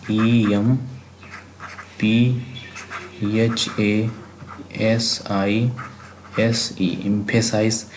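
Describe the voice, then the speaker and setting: A man's voice: fairly low pitch, darkish tone, slight background noise. An Indian man teaching English vocabulary for exams, spelling words letter by letter and repeating himself as he asks and answers his own questions. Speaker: exam prep teacher.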